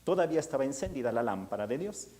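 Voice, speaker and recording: A man, a priest giving a sermon in an animated storytelling way. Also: medium pitch, fast talker.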